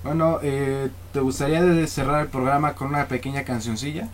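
A man's voice: medium pitch, steady tone, a little fast, slight background noise. Joking Mexican man hosting a show. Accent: Mexican Spanish. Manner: joking, teasing, informal slang. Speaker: podcast host. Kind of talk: casual chat.

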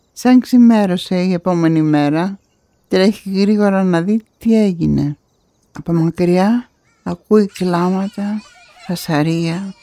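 A woman narrating a fairy tale in an expressive storytelling manner. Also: mid-range voice, no echo, studio quality. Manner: expressive, rising on key moments.

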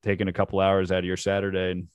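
A man's voice: deep voice, monotone, very fast, clear, resonant tone, no room sound, lo-fi sound. A man chatting as a podcast guest over a video call, easygoing, agreeing often and laughing easily.

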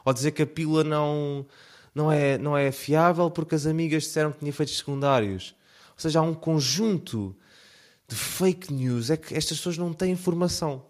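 A young man with a European Portuguese accent, ranting in a casual, animated vlog monologue full of filler words. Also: on the high side, a little fast. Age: young adult. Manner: animated, heavy use of fillers like "pá". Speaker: vlogger.

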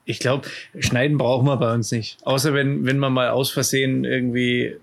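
A man's voice: mid-range voice, level tone, gravelly, slight background noise. A man co-hosting a casual podcast, joking crudely in loose banter. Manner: joking, crude, loose chat with drawn-out fillers. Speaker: podcast co-host.

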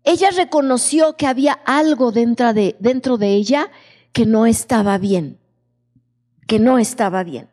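A woman delivers a sermon in a high, mellow voice, speaking slowly and often asking her listeners questions. Her voice rings with the long echo of a large hall. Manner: slow, questioning the congregation. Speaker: preacher.

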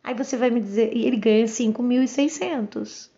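A woman's voice: fairly high pitch, a little fast, dark tone, muffled recording. A Brazilian woman in her forties, speaking outspokenly and directly in a casual monologue to camera. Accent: Brazilian Portuguese. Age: 40s. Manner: outspoken and direct, acts out quoted voices. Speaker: vlogger.

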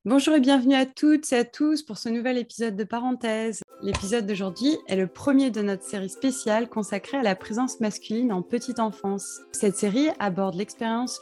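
A woman hosting a podcast interview, reading a measured scripted introduction and asking questions. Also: medium pitch, dark tone. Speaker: podcast host.

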